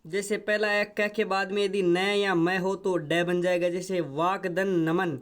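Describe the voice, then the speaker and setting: A man's voice: sits high, little pitch movement, unhurried. A man teaching a grammar lesson, going over each rule step by step and repeating the examples. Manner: repetitive step-by-step explaining.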